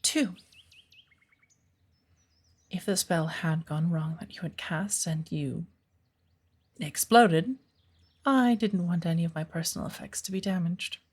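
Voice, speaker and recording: In an ASMR roleplay, a woman plays a patient witch of the woods who teaches magic. Her lowish voice is husky and breathy and often sinks to a hush, and she speaks formally with gentle, measured care. She comes across as calm and fond.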